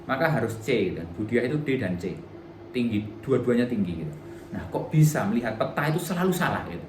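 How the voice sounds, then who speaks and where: A man's voice: mid-range voice, big pitch swings, fast talker, background noise. A middle-aged man giving a relationship seminar to a live audience in a casual, chatty way, acting out little dialogues. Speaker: workshop trainer.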